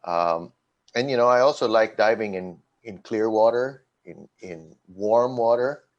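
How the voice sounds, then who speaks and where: Low-voiced man, hesitant and chatty. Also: measured pace, muffled recording. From Philippines. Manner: hesitant, many fillers and restarts. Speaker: dive panel guest. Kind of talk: casual chat.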